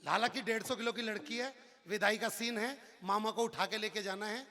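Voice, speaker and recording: A man tells a comic story from a poetry stage, acting out each character as he goes. His voice sits very high and bright. The sound carries a long reverb from the live hall. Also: moderate pace. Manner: lively storyteller acting out many characters, shouting punchlines. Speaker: comic poet.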